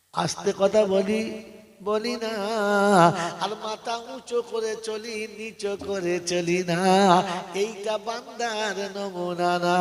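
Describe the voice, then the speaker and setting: A man preaching a sermon, chanting verses in a sing-song way and swinging between loud calls and hushed asides. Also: high-pitched, big-room sound. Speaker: Islamic preacher. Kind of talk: sermon with sung Quran recitation.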